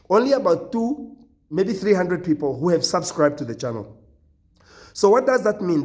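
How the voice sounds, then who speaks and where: Hoarse from almost losing his voice, a man who founded a company speaks to job applicants in a video announcement, halting and repeating himself as he issues stern warnings. His voice is a little high and darkish in tone.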